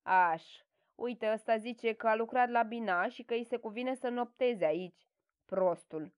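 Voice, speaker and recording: A woman doing a gruff, scornful town porter. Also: fairly high pitch, close to an everyday voice. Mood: scolding. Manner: scolding, mocking.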